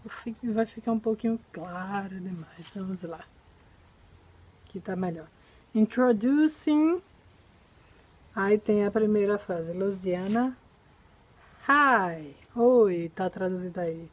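A woman from Brazil teaching an English lesson outdoors, patiently repeating words slowly to drill pronunciation. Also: medium pitch, darkish tone, husky, low-quality recording. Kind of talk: recorded language lesson.

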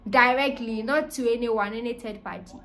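Speaking at a moderate pace in a voice on the high side and a bit bright, a Ghanaian-accented woman in her twenties prank calls as a delivery service. The vlogger is indoors in a small living room, at arm's length from the phone mic. Her manner is customer-service polite but insistent.

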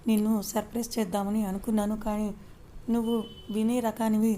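A woman storyteller voicing a teasing, gruff young husband in an audio story. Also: medium pitch, level tone, fairly quick, dark tone, a little hiss or hum, natural voice. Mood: teasing scold. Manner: scolding, teasing.

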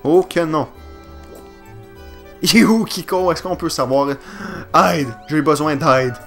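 A man with a Quebec French accent doing let's play commentary, excitable and jokey, swearing and yelping at the game. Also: a little high, takes it slowly, soft background music.

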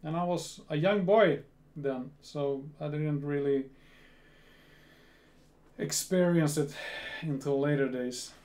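A Swedish man in his thirties with a Swedish accent chats casually in a reaction video from a small home room crammed with gear. He speaks slowly, often repeating words and restarting. His voice is on the high side and a little mellow.

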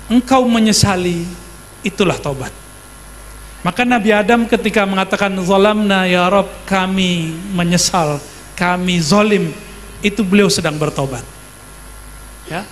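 A man's voice: high voice, a little slow, pauses often, in a large hall, a little hiss or hum. A man preaching a sermon in a conversational way, often putting questions to his audience.

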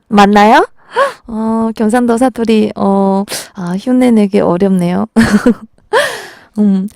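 A woman's voice: medium pitch, a little mellow, no room sound, clean studio sound. A woman hosting a small local radio show, chatting casually with listeners and laughing often between lines. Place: small radio studio at a market.

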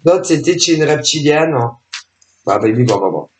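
A woman's voice: low voice, expressive, normal speed, slight background noise. A woman hosting a tarot channel, talking to her subscribers in a rambling, sarcastic monologue full of fillers and interrupted by coughs from her allergies. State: coughing, throat irritation from allergies. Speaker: tarot and oracle channel host. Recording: echoey room.

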